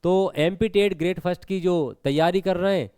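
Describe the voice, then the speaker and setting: A man's voice: high-pitched, normal speed, darkish tone, clear, resonant tone, no echo. A man teaching an exam preparation lesson with a Hindi accent, explaining step by step and asking students questions. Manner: explanatory, repeats points, asks students questions.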